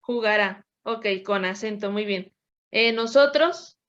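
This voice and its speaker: A woman's voice: on the high side, a little slow, muffled recording, background noise. A woman teacher, patiently drilling verb conjugations with her class. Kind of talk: classroom lesson.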